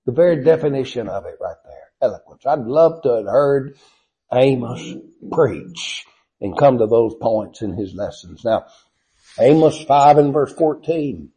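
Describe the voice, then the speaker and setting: Husky, animated male preacher. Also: mid-range voice, measured pace, low-quality recording. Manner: folksy, emphatic, swings between loud reading and quiet asides. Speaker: preacher teaching a Bible class. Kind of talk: sermon with scripture reading.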